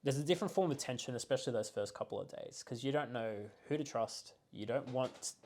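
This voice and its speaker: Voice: mid-range voice, a little fast, a little hiss or hum. A podcast co-host in casual chat who tells stories with energy and acts out quoted lines. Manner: animated storyteller, acts out quotes.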